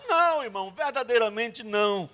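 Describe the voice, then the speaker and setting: Middle-aged preacher, high bright voice, dramatic storyteller. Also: male voice, fairly quick. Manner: animated storytelling, acting out voices. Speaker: pastor. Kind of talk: sermon. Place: church service.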